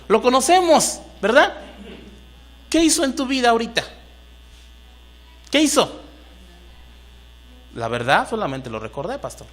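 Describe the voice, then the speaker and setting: A man's voice: very high-pitched, very animated, unhurried, pauses often, a bit bright. A man with a Mexican Spanish accent preaching a sermon to a congregation, rising into emphatic bursts and asking the room questions. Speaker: pastor. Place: church hall.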